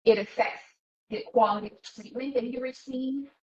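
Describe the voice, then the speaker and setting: A woman's voice: on the high side, steady tone, moderate pace. A woman patient giving earnest advice in a webinar, her voice coming through a choppy, breaking-up online call. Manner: earnest, advising. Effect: choppy, breaking-up online call audio. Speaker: patient speaker. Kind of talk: webinar presentation. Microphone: remote call microphone, too far off. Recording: dull, lo-fi call audio that breaks up.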